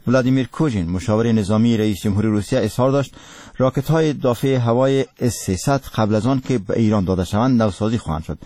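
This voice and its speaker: Male radio newsreader, Afghan Dari accent, solemn, formal, dark relaxed tone, scripted delivery, dry studio sound. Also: mid-range voice, no room sound. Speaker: radio news presenter. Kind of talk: scripted radio news reading.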